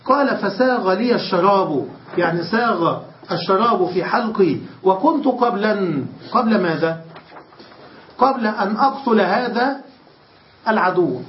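High-voiced man teaching grammar in a roomy space. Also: lively intonation, unhurried, pauses often, slight background noise. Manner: explains step by step, often checks the students understand. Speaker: sheikh teaching Arabic grammar. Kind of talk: classroom lesson. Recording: roomy, dull lo-fi lecture recording.

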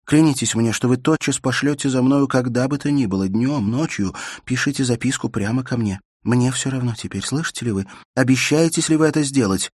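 A man's voice: lowish voice, unhurried, husky, dry recording, studio quality, pitched above the performer's own voice. A man voicing a desperate young woman. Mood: distraught pleading. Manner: pleading, breathless urgency. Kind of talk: audiobook character voice.

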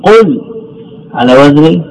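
Man giving a grammar lesson, slightly high voice, stretches out the example words, asks and answers his own questions. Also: animated, slow, gravelly, a little mellow, poor audio. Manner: repeats phrases, poses questions and answers them himself; drawls and stresses the example words. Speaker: sheikh teaching Arabic morphology. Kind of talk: classroom lecture on grammar.

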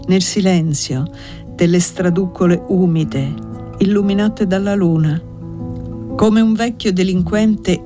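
A reader narrating a classic novel in a measured, deliberate way with dramatic pauses. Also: medium pitch, darkish tone. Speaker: audiobook reader. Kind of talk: literary audiobook narration.

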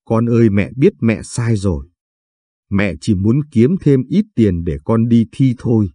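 A tearful, indebted mother begs her child for help, her voice low and dark, as a male narrator reads her lines. The sound is husky and soft-edged, in a dry, close recording. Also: lively intonation, measured pace, no room sound. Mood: pleading. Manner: begging, weepy pleading. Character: desperate indebted middle-aged mother, pleading and tearful.

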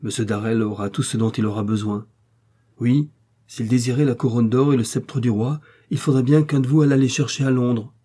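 A man's voice: mid-range voice, fairly even intonation, brisk, dark tone, husky, close to an everyday voice. A man voicing a formidable, commanding innkeeper's wife in an audiobook, scolding everyone around her.

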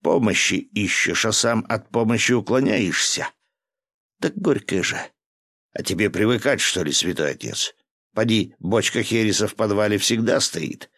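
A man voicing a gruff, domineering governor who barks orders and drinks hard, in a storybook reading. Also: on the low side, moderate pace, a bit bright, no echo, studio quality, voice pushed up. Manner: gruff, barking, commanding.

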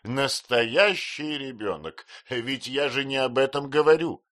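A man's voice: medium pitch, sing-song, a little slow, pushed and bright, no room sound, studio quality, pitched above the performer's own voice. A man voicing a stern, commanding elderly aunt who speaks sharply and impatiently.

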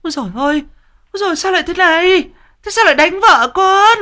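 A woman's voice: very high-pitched, animated, quick pace, sharp tone, exaggerated voice. A woman voicing a distraught elderly mother who laments and cries out in fretful wails. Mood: frantic.

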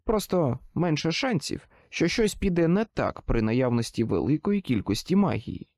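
A man narrating a tense first-person audiobook with dramatic, expressive delivery. His pitch sits a little high and moves a lot. The sound is dry and close, with no room. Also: moderate pace, dry recording.

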